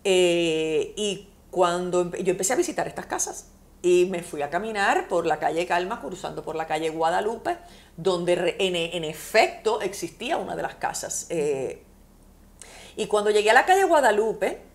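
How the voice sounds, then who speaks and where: A woman's voice: lowish voice, expressive, normal speed. A woman author with a Puerto Rican accent, telling heartfelt personal stories in a conversational interview. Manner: vivid, heartfelt personal storytelling.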